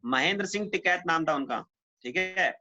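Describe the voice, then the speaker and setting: This man's voice is slightly high and sharp, with lively intonation and a moderate pace. Teaching a defence exam coaching class, he uses a conversational question-and-answer style and keeps checking whether students follow. The recording is muffled, with background noise from the classroom.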